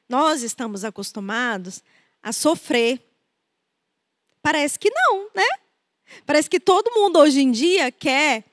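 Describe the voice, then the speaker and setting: A woman's voice: high-pitched, a bit bright, no room sound, studio quality. A woman with a Brazilian Portuguese accent preaching a conversational sermon, acting out quoted voices as she goes. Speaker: preacher and therapist.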